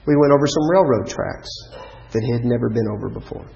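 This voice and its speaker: Preacher telling a story. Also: male voice, mid-range voice, brisk, gravelly, highs cut off, a little hiss or hum. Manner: animated storyteller, drops to quiet emphatic lines. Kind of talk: storytelling sermon.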